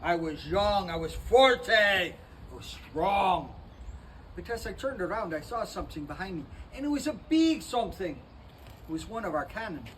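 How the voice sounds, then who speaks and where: Animated and moderately paced, a man voices a boastful, cheerful giant of a soldier, young and Portuguese-born. He tells it theatrically and playfully, alternating booming and hushed tones, with a distant mic catching outdoor ambience in a historic park.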